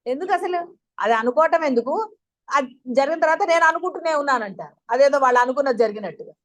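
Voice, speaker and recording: A woman's voice: high voice, expressive, quick pace, a bit bright. A woman giving a spiritual discourse as a teacher, talking straight to her listeners and firing off rhetorical questions in a chatty, coaxing way. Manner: addresses listeners directly.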